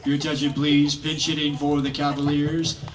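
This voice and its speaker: A man making a formal public address announcement at a ballpark, heard over the loudspeaker. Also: a little high, monotone, normal speed. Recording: echoey PA picked up from far off.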